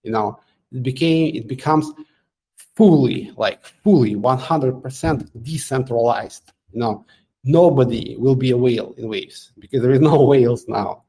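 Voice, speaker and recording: Male host, middle-aged, warm low-key voice, halting and filler-heavy live Q&A delivery. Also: husky. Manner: halting, many fillers and restarts, occasional laughs. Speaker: AMA host answering community questions. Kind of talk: casual live Q&A.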